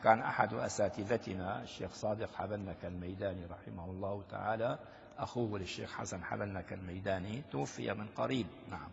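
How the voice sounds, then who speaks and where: An older sheikh gives a classroom commentary on a classical text, pausing to quiz his students with rhetorical questions. His voice is gravelly at a mid pitch. The lo-fi recording carries a long hall reverb. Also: slight background noise. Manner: explains slowly, quizzes listeners with rhetorical questions. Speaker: sheikh teaching a hadith text.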